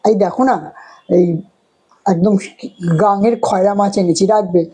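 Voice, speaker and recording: A woman's voice: mid-range voice, fairly even intonation, normal speed, dark tone, husky, natural voice. A woman playing a coaxing fish seller auntie. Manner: coaxing, persuasive bargaining. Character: chatty middle-aged woman fish seller.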